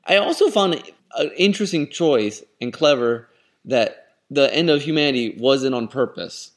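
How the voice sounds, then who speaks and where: Halting man in casual podcast chat. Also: medium pitch, animated. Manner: halting, tentative, thinking aloud. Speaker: podcast co-host. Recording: echoey room.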